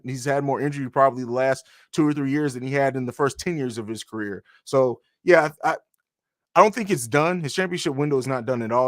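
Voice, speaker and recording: A man's voice: mid-range voice, fairly bright tone, no room sound, clean studio sound. A man hosting a basketball podcast, talking casually and bluntly, rambling with restarts. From grew up in Germany on a US military base. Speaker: podcast host. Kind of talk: casual sports podcast talk, reading chat.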